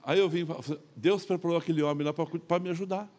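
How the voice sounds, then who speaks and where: A middle-aged man preaching a sermon in church, telling a story with lots of acted-out dialogue, swinging between loud and soft. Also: fairly high pitch, steady tone, a little fast, slight background noise. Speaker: pastor.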